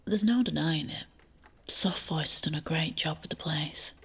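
A woman playing a sly, unhurried voice inside someone's head in an audio drama, casual, blunt and teasing. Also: deep voice, husky, full character voice. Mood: smug, languid. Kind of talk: intimate audio drama acting with narration.

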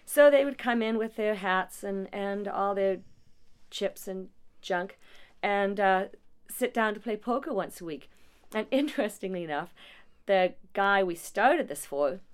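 A woman with a clean, mid-range voice heads a non-profit support agency. She answers interview questions conversationally, telling warm stories full of restarts and little laughs.

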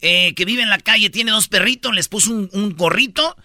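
High, gravelly, bright Mexican comedy host. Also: male voice, moderate pace, no room sound, studio quality. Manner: boisterous, jokey, slangy. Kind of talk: comic news rundown.

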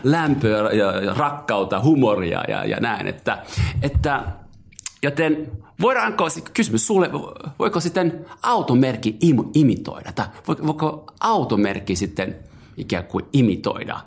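Hesitant male host with gravelly lively voice. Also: medium pitch. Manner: hesitant, repeats words often. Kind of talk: casual chat.

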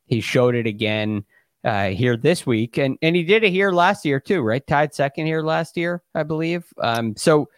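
A man's voice: on the high side, expressive, moderate pace, dry recording, clean studio sound. A man co-hosting as a golf commentator, explaining shots in a casual, conversational way with hesitant phrasing. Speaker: golf podcast co-host and analyst.

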